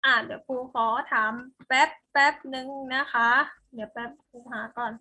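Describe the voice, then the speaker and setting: High bright-voiced woman teacher. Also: fairly even intonation, normal speed. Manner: patient, coaxing questions to pupils. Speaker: primary school science teacher. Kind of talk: online class lesson.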